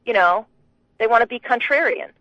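A woman from New England calling a sports radio show, chatting in an animated, laughing way with lots of restarts, on a phone line. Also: fairly high pitch, normal speed, no room sound. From Connecticut, New England. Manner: chatty, laughing, animated, talks over herself. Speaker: radio caller.

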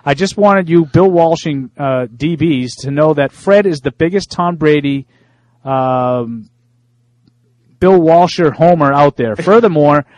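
On a sports talk show, an Italian-American co-host chats casually and reads listener emails aloud, halting through plenty of fillers. His voice is fairly high and darkish. The recording has no echo but sounds rough.

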